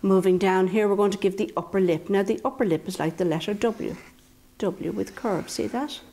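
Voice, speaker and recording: Female kids' art instructor, mid-pitched, playful and encouraging, guiding young viewers step by step. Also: steady tone, moderate pace, warm tone. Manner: playful, encouraging, talks directly to young children. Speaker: children's drawing instructor and host. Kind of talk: step-by-step drawing tutorial for children.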